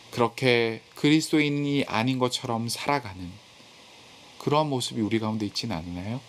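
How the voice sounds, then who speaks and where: A man preaching a sermon to a youth group over a live video call, earnest and growing emphatic at points. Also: mid-range voice. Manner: earnest, rising to emphatic when voicing scripture and rebuke.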